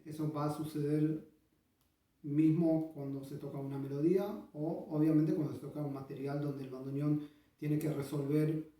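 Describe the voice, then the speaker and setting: A man teaching bandoneon, explaining in a thoughtful way with many pauses and sung-out rhythms. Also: mid-range voice, warm tone. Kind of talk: instructional explanation. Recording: echoey room, voice from a distance.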